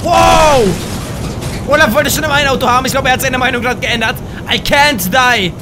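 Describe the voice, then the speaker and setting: A young man from Germany doing loud, excitable let's play commentary, often shouting and throwing in English slang. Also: very high voice, fairly quick, noisy background. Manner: mixes English slang into his talk. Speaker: gaming YouTuber.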